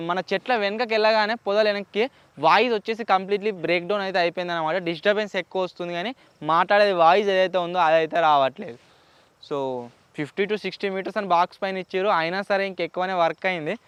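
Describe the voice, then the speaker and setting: Outdoors in an open area with trees, a vlog host with a Telangana Telugu accent presents a gadget test, mixing English words into his speech. His voice is high-pitched and fairly bright, with a clean tone and no echo, though the audio is dull.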